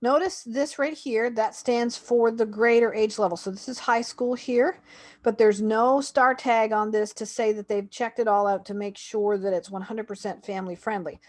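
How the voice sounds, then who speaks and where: A woman's voice: on the high side, fairly even intonation, normal speed. A woman reviewing a homeschool website, talking casually and thinking aloud as she clicks through it. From Canada. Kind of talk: screen-share website walkthrough.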